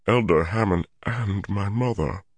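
A man doing a rumbling bookish Ogier giant. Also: measured pace, dry recording. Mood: dismayed. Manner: earnest, flustered. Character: huge gentle male Ogier, bookish and excitable. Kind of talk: audiobook character voice.

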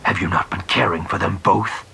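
A man's voice: very deep voice, unhurried, pushed and bright, slight background noise, voice pushed down, exaggerated voice. A man voicing an angry male Sith warrior, his voice buzzing through a helmet, terse and hostile.

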